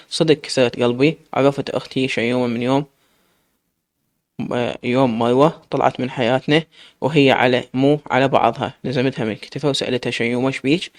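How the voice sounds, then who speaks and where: A man's voice: mid-range voice, no echo, clean studio sound. A man with an Iraqi accent reading a serialized story aloud as storyteller. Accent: Iraqi Arabic.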